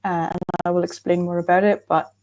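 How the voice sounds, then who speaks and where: Low, mellow-voiced woman. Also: a little fast, slight background noise. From Belgium. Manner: relaxed, hesitant with frequent fillers. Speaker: game studio founder presenting. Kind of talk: casual conference presentation. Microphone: video call.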